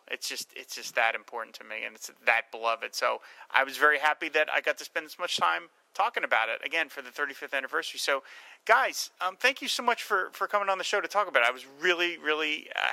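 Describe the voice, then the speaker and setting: A man's voice: on the high side, pushed and bright, no echo, poor audio. A man hosting a casual film podcast, speaking in an enthusiastic, emphatic way. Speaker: podcast host.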